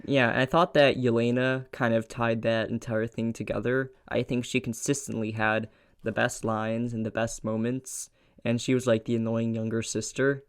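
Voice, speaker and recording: A man in casual movie talk, giving blunt opinions with a few "uh"s. His pitch is middling and even. The recording is dry and close. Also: normal speed, clean tone, no room sound. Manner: relaxed, opinionated, some hesitations. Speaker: podcast co-host. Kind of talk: casual movie review chat.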